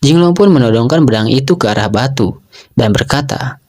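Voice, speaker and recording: A man's voice: mid-range voice, expressive, moderate pace, darkish tone. Chatty man narrating a story recap. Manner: chatty, addresses listeners as guys.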